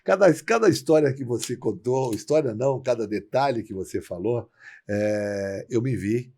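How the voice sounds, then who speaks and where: An older Brazilian man with a husky voice hosts a podcast. He speaks thoughtfully and haltingly, rambling a little before he gets to his question. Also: medium pitch, a little mellow. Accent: Brazilian Portuguese. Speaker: podcast host. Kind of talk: casual podcast conversation.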